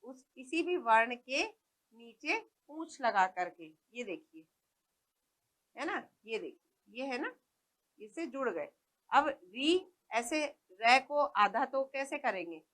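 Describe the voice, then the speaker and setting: Her voice high-pitched, very animated, and a bit bright, a woman patiently teaches young primary pupils, explaining slowly, asking them questions, and pointing to examples in the book.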